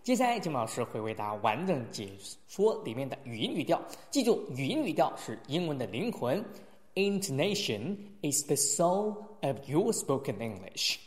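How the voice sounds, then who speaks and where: A male teacher giving a spoken English lesson, slowly modelling phrases and then explaining them in quick asides. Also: medium pitch, big pitch swings, a little mellow, in a large hall.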